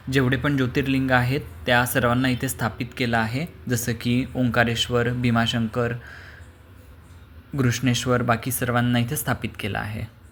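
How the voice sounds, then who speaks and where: A man narrating his travel vlog as a calm, even tour guide, with occasional hesitant fillers. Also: mid-range voice, slight background noise. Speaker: vlogger.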